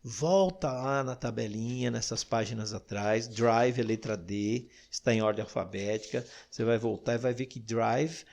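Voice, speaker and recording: Gravelly man teaching English in Portuguese. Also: mid-range voice, a little mellow. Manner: explains patiently, models English phrases slowly. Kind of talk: recorded audio lesson.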